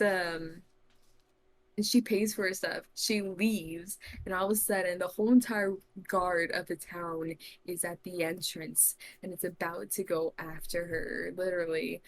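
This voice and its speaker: A woman's voice: lowish voice, fairly even intonation, a little slow. A woman on a podcast, telling a made-up tabletop fantasy story in casual talk and often giggling. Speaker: podcast co-host.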